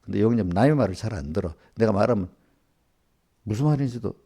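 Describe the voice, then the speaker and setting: A pastor scolds his congregants in an informal small-group sermon, addressing them directly and stacking one rhetorical question on another. His voice runs on the low side, fast and expressive, dark and slightly rough with vocal fry.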